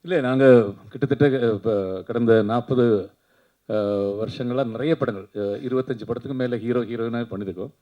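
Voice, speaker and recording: A male actor answering press questions in a measured, hesitant way. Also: mid-range voice, fairly even intonation, lo-fi sound.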